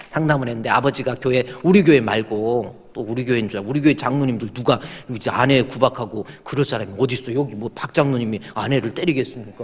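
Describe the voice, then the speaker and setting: Animated Korean preacher in a reverberant church. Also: male voice, medium pitch, breathy edge. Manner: animated, acts out quoted voices, swings from hushed to shouting. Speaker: pastor. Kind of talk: sermon. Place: church sanctuary.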